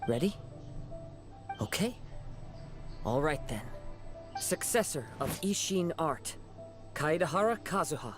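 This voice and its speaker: A man's voice: on the high side, big pitch swings, slow, pauses often, music in the background. A man playing a courteous young wandering samurai in a video game, with a composed, polite manner. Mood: calm.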